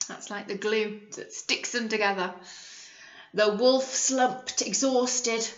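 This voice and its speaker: Speaking slowly in a voice on the high side, a woman teacher brings a picture book to life for little kids and prompts them with easy questions. The recording has an echo and sounds slightly muffled.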